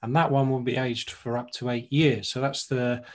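A man's voice: medium pitch, little pitch movement, moderate pace. A man co-hosting a casual drinks podcast, talking informally and tripping over foreign names. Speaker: podcast co-host. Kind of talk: casual chat about drinks tasting.

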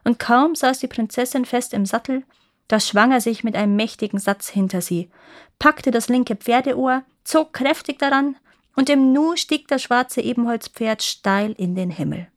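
A woman's voice: a little high, normal speed, no echo. Woman reading fairy tales, dry sound. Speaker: storyteller.

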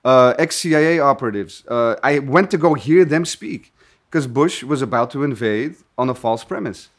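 A man's voice: medium pitch, normal speed. A man in casual conversation, emphatic and profane, insisting on his version of events. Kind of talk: casual chat.

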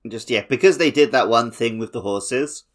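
A podcast co-host chats casually about video games, explaining things in a conversational way. His voice sits at medium pitch, and he speaks at a moderate pace.

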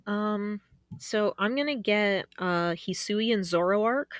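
Woman on a podcast, talks super slow, playful, dry close sound. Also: medium pitch, no echo. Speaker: panelist. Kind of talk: casual podcast chat.

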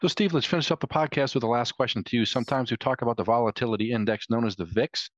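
A man's voice: medium pitch, fast, dry recording. A man hosting a podcast in a prepared, orderly presenting style. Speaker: podcast host. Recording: slightly dull, dry audio.

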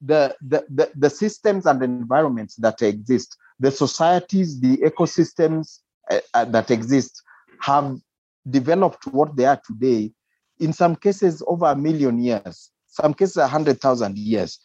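A man's voice: mid-range voice, lively intonation, measured pace, warm tone, slightly rough, no echo. A man with a Kenyan accent speaking as an interview guest, explaining his views emphatically and repeating phrases for stress. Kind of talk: spoken interview, explaining and opining. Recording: dull, muffled lo-fi audio.

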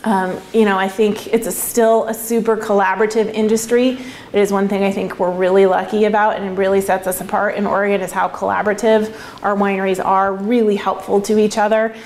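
A woman's voice: mid-range voice, level tone, a little fast, a little mellow, slight background noise. A woman giving casual, reflective answers in an interview, talking in a conversational way. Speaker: interviewee, winemaker.

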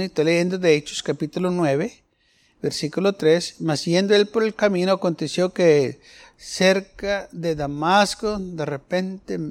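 A man preaching a sermon in an emphatic style, with questions that rise sharply. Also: high voice.

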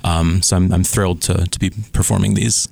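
A man's voice: deep voice, flat delivery, a little fast, gravelly, darkish tone, dry recording. A man in his thirties, born in Scotland and raised in Switzerland, talking eagerly as a guest in a casual radio studio interview. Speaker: conductor candidate, interview guest.

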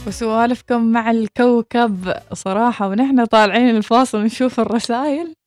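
A woman co-hosts in casual radio chat. Her voice is fairly high, with soft music in the background. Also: a little fast. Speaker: radio co-host.

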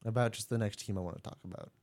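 A man's voice: fairly low pitch, steady tone, rapid-fire, darkish tone. A man co-hosting a casual sports podcast, joking and laughing as he rambles. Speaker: podcast co-host. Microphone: studio mic.

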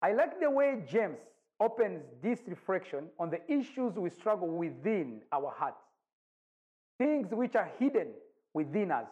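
A man, an evangelist giving a measured recorded sermon. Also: high voice, very animated, darkish tone. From Rwanda. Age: 40s. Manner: measured, deliberate preaching with long pauses. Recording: dull lo-fi recording.

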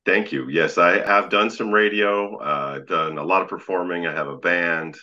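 Very deep, magnetic-voiced man in conversation. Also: moderate pace, sharp tone. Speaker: podcast guest, leadership coach. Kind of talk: conversational interview storytelling. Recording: slightly dull, lo-fi.

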